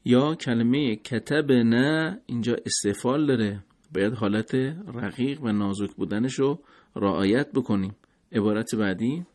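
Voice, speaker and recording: A man with a Persian accent teaching Quranic pronunciation, patiently explaining each letter and slowly modeling the Arabic words. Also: mid-range voice, a little mellow. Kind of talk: tajwid lesson explaining letter articulation.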